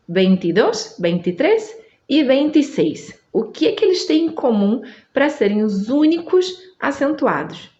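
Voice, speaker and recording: A Brazilian woman whose first language is Portuguese, teaching Spanish in an online lesson, drawing out each word slowly and checking in with her listener. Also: a little high, a little mellow, roomy sound, muffled recording. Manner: slow, drawn-out drilling of words, checks in with the listener.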